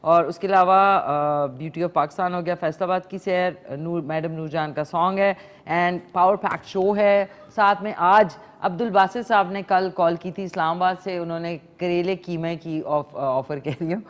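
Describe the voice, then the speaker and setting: A woman's voice: lowish voice, steady tone, moderate pace, few pauses. A woman with a Pakistani Urdu accent hosting a live morning call-in show, chatty and slipping English phrases into her talk. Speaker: morning show host taking calls.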